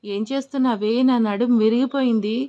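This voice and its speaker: A woman's voice: a little high, fairly even intonation, brisk, mellow, dull audio, natural voice. A woman voicing a young husband in an audio story, teasing in banter and stern when he lectures.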